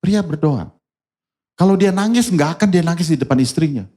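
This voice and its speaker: A man preaching to his congregation in a fairly high voice. He keeps it lively and conversational, throwing questions at the crowd and slipping into the voices of the people in his story. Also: fairly quick. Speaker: pastor. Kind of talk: sermon. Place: church service.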